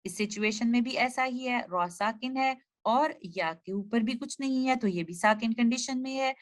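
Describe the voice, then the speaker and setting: A woman teaching Quran recitation rules, who explains carefully and stretches out each example word as she demonstrates it. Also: fairly high pitch. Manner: slow, drawn-out demonstrations of example words, repeating them. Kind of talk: slide-based tutorial explaining pronunciation rules.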